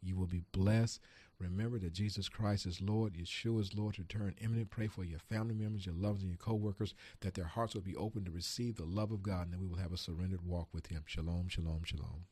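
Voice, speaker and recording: Man, pastor, low voice, dry studio sound, animated radio sermon. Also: quick pace, husky, no echo. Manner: animated storytelling with frequent laughs.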